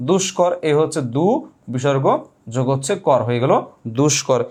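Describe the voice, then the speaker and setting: A man's voice: a little high, darkish tone. Man teaching with repeated quiz questions. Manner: repeats key points and quizzes listeners with quick questions. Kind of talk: online exam-prep grammar lesson.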